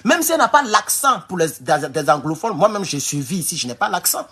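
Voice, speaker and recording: Burkinabe male commentator, West African French accent, high and lively, slightly husky, emphatic and rambling. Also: fairly quick. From Burkina Faso. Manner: animated, emphatic, with repeated restarts and addresses to "chers camarades". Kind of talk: casual political commentary.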